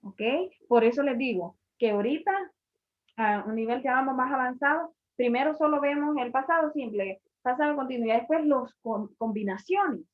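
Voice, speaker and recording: A woman's voice: high-pitched, normal speed. A woman teaching an English grammar class, patiently explaining and repeating each point in a classroom. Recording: muffled lo-fi recording.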